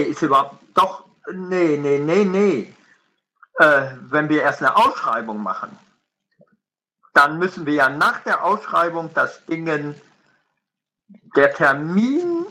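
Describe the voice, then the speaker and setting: A man in a board meeting pushes a plan in brisk bursts, breaking off and correcting himself as he goes. His voice is very sharp and bright, and it sits fairly high. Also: poor audio. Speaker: party board member. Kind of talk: meeting discussion.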